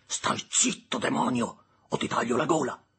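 A man reading an audiobook and voicing a menacing, ragged male convict who growls slow threats. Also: medium pitch, expressive, bright, forceful tone, slight background noise. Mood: threatening. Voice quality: gravelly, growling. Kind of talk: audiobook character voice.

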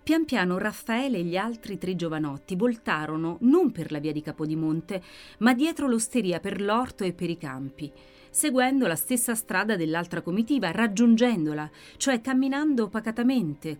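Woman reading a story out loud, very dramatic, quiet music behind. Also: normal speed. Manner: expressive, with sharp swings in pitch and loudness. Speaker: audiobook narrator. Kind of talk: dramatic audiobook narration.

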